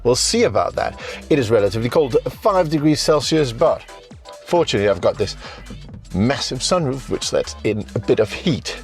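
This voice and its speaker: A man's voice: medium pitch, very animated, normal speed, faint music behind. A man hosting a car review vlog, chatting casually from inside a car while driving.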